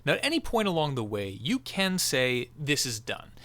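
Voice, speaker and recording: Lively man narrating a crafting tutorial. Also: medium pitch, normal speed. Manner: lively, jokey, encouraging.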